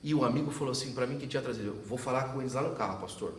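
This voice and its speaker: A man's voice: medium pitch, very fast, recorded from a distance, slight background noise. Storytelling male pastor in an echoey church. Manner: storytelling, acts out dialogue, laughs often. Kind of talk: sermon. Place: church service.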